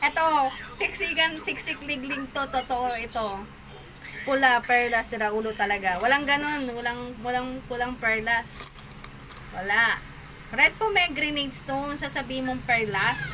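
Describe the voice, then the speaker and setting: A woman chatting casually on a live-stream while selling stones and amulets, animated and mocking. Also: sits high, measured pace, long pauses. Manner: animated and mocking, with frequent laughter. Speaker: online seller of stones and amulets. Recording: noisy background.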